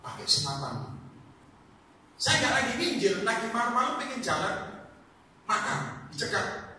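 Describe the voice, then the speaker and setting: A man's voice: very high-pitched, measured pace. A man preaching as an evangelist at a home prayer meeting, telling stories animatedly and calling out to his listeners. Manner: animated storytelling, addresses listeners as brothers. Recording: echoey room, distant mic, noisy.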